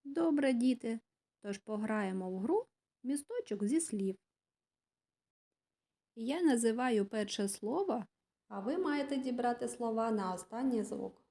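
Slow, husky woman teacher. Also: a little high, expressive, warm tone. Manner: slow, sing-song rhyming recitation. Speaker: kindergarten teacher. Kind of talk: classroom lesson with rhymes.

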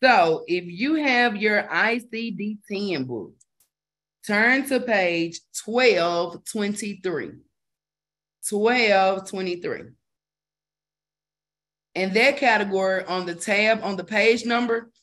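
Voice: mid-range voice, fairly bright tone. Chatty instructor repeating key terms. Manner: chatty asides to the class. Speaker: medical coding instructor. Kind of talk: casual live teaching session.

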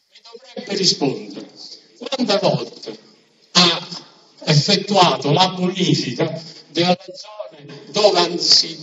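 A man giving an impassioned, booming political speech at an outdoor rally, with emphatic repetition and rhetorical questions. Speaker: local politician speaking at a campaign rally. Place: large town square at night, outdoors. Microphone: stand microphone through PA, filmed by far camera. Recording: echoey distant lo-fi outdoor PA, crowd noise.

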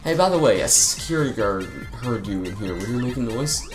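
A man's voice: medium pitch, animated, fairly quick, over music, close to an everyday voice. A man voicing the hero's companion in a video game, speaking in an earnest, slightly nervous way. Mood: earnest, wary.

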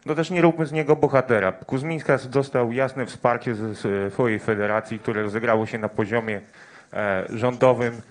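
A man's voice: mid-range voice, fairly even intonation, normal speed. A male sports journalist asking persistent follow-up questions at a press conference.

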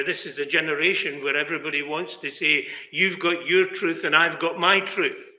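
With a fairly high pitch and a bright, forceful tone, an older man preaches earnestly and emphatically, gesturing with both hands. He's inside a small chapel with a banner behind him, and the sound has a roomy echo.

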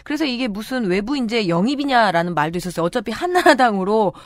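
A woman with a slightly high voice reads out profiles in a brisk, matter-of-fact manner. The studio sound is dry and close. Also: expressive, no echo. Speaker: co-host presenting candidate profiles. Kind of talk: briefing-style chat.

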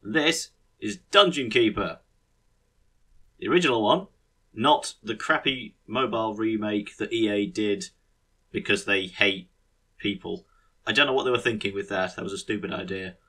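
A man's voice: lowish voice, normal speed, a bit bright, slightly rough. A man with a British accent giving casual, sardonic, mock-grumpy gameplay commentary as a video host.

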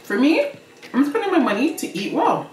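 A woman's voice: sits high, very animated, a little fast, a little mellow, slight background noise. A woman chatting casually and teasing her friend while eating on a mukbang vlog. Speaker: vlogger co-host. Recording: roomy, mic far off, music behind.

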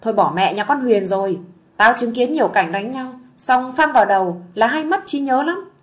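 A woman's voice: fairly high pitch, expressive, normal speed, close to an everyday voice. A woman voicing a blunt, coarse, gossipy village wife. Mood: smug.

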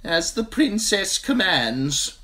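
Squeaky fawning wine seller, sing-song hawking, big swoops, bright edge. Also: male voice, big pitch swings, slow, heavily acted. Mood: sullen. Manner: high theatrical hawking cry, drawn out. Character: small flamboyant male wine merchant, wheedling salesman.

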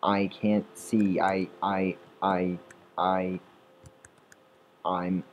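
This is a man with a deep voice doing let's-play commentary into his desk mic. He wanders between thoughts, swears freely and talks back to the game's creatures. Faint noise sits underneath. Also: flat delivery, drawn-out words, lo-fi sound. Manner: rambling, swearing, talks at game mobs, restarts sentences. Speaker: gameplay commentator. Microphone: desktop or headset mic.

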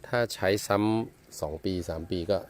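A man from Thailand talking casually as a travel vlogger outdoors in a village, polite and rambling with many hesitations. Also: unhurried. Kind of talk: casual travel vlog narration.

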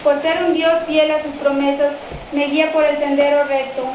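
Mexican woman, prayer leader at a mass; steady liturgical recitation, very reverberant distant church sound. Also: high-pitched. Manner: measured, even recitation leading responses. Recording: echoey church from far off, faint noise.

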